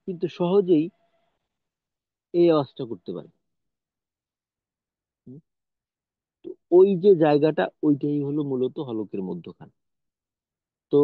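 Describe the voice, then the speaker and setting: A man with a fairly high voice gives a patient online recitation lesson, explaining step by step and demonstrating each sound. The audio is tinny and phone-like, with a dry, close sound. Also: dry recording. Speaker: Quran recitation teacher.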